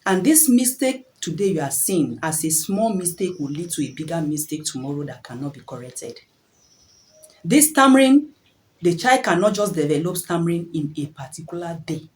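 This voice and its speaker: An earnest woman talks parents through her advice, repeating key phrases and posing rhetorical questions. Her voice sits a little low. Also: rough recording. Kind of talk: preachy advice talk to camera.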